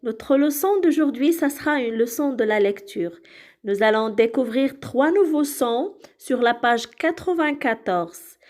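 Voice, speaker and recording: A woman teaching a reading lesson to children, spelling out sounds slowly and clearly. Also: fairly high pitch, animated, darkish tone. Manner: slow, clearly articulated teaching. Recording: very echoey room, far from mic.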